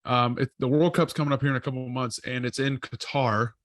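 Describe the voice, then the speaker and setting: A man's voice: medium pitch, fairly even intonation, quick pace, fairly bright tone, no echo, studio quality. A man co-hosting a podcast in casual chat, rambling and correcting himself as he thinks aloud. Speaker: podcast co-host.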